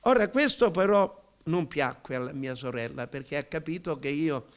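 A man with a somewhat high voice gives a personal religious testimony. He speaks haltingly and emotionally, often repeating words and starting over. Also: lively intonation. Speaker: believer giving testimony.

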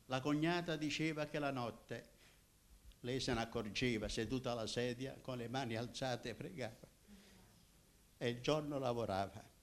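A man's voice: mid-range voice, moderate pace. Older man giving emotional testimony. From Apulia, southern Italy. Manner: emotional, swinging from loud cries to hushed tones. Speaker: minister. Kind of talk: personal testimony.

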